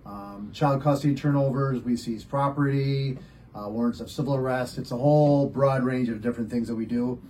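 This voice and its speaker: A man's voice: medium pitch, fairly even intonation, normal speed, mellow, a little hiss or hum. A man, a deputy sheriff, answering interview questions and explaining his work with many hesitant ums. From Rochester, New York area. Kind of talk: interview guest.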